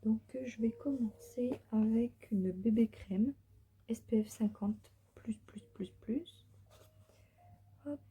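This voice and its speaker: A tired woman whispering softly through a casual beauty unboxing vlog from the floor of her bedroom. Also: on the high side, slow pace, lo-fi sound, slight background noise. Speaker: beauty vlogger.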